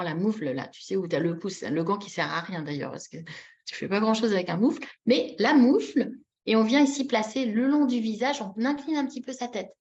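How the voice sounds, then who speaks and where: A woman leading a live teaching demonstration on a video call, animated and demonstrative, repeating key words and acting out short example phrases with expressive intonation. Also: mid-range voice. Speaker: webinar trainer teaching baby signs. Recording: dull lo-fi webinar audio.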